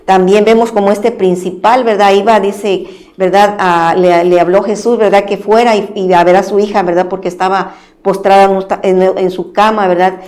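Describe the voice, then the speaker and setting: Female preacher at a church program: reads scripture, then explains it in halting phrases that each end in a tag question. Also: medium pitch, fairly even intonation, darkish tone. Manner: repeats a tag question after nearly every phrase; halting, with many restarts. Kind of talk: Bible reading and preaching.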